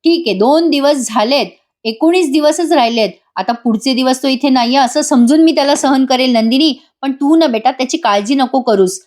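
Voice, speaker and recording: A woman voicing a protective middle-aged father who is gentle with his daughter but stern. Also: high-pitched, moderate pace, close to an everyday voice.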